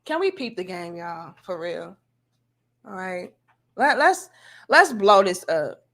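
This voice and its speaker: A woman's voice: fairly low pitch, big pitch swings, takes it slowly, fairly bright tone. A woman hosting a casual opinionated livestream, skeptical and emphatic, with sarcastic exposé-style commentary and colloquial address to her viewers. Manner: skeptical, sarcastically mimics opposing views; emphatic, punchy delivery with rhetorical questions. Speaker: livestream host.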